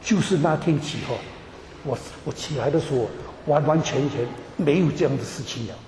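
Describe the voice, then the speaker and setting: With a slightly high, darkish voice and a brisk pace, a man testifies emotionally before his congregation as a church member, frequently stammering, repeating words, and mixing in English. The sound carries a little hiss or hum and the long reverb of an echoey hall.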